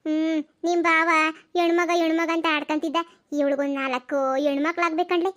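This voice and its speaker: A woman voicing chatty village women in a cartoon comedy, in a rapid, gossipy, exclaiming manner. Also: very high-pitched, level tone, a bit bright.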